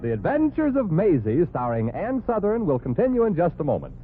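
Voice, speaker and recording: A tinny old broadcast with loud brass music carries a male announcer. He speaks in 1940s radio style, with dramatically sweeping pitch. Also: wildly swooping pitch, a little fast.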